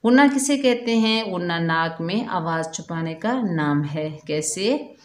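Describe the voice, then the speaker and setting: Woman, patient recitation teacher, chanted drawn-out words, roomy echo. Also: fairly low pitch, lively intonation. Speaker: Quran tajweed teacher. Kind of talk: step-by-step recitation lesson.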